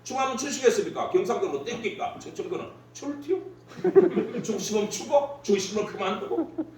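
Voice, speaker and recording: Heard from a distance in a very echoey hall with a faint hum underneath, a man delivers a humorous workshop lecture. His high voice swings widely, and his lively delivery is full of jokes as he keeps laughing at his own stories.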